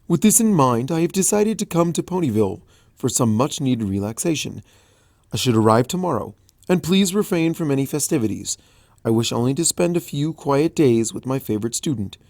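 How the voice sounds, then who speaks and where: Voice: mid-range voice, big pitch swings, a little fast, darkish tone, dry recording, studio quality. A reader voicing a gracious, regal pony princess in a storybook reading, formal and stately. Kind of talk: audiobook fanfic reading.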